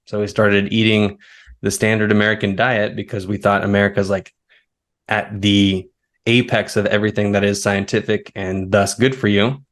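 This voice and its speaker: A man in his thirties, a guest on an interview podcast, telling long stories in a relaxed, easygoing way. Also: on the low side. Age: 30s. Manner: relaxed, storytelling, now and then laughing. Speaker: guest, foraging expert. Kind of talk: conversational interview.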